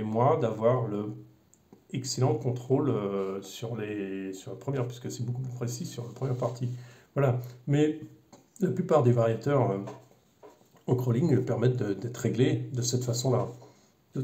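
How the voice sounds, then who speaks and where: Un homme qui présente et explique une radiocommande de modélisme, sur un ton décontracté, avec beaucoup d'hésitations et de reprises. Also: male voice, mid-range voice, dark tone, roomy sound. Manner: rambling, many fillers and restarts. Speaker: RC hobby video host. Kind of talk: casual unboxing explanation.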